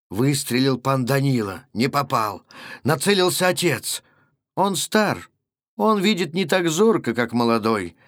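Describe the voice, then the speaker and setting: A man, an actor and announcer, reading a classic tale in a measured, dramatic narration. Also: a little high, no room sound, clean studio sound. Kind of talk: audiobook narration.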